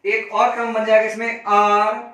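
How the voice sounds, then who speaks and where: A man teaching a reasoning class, spelling out letters slowly and asking students questions he then answers himself. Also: sits high, monotone, bright, forceful tone, recorded from a distance. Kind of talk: classroom lesson. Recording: echoey room, voice from off-mic.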